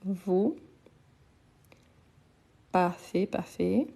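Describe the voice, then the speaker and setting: A woman teaches French conjugation live and unhurried, with a mellow, warm tone. She is patient, repeats each word several times and keeps praising the people following along. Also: lowish voice, creaky, breathy edge. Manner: slow, patient, repeats words and praises learners. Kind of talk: live online conjugation lesson.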